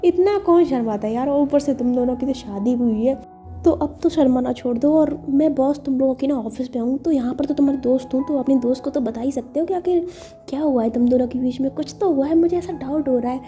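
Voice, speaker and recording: A woman voicing a high-pitched teasing female boss, playful mocking banter, mellow tone, storybook. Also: a little fast, soft background music, natural voice. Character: teasing female boss and friend, shameless joker.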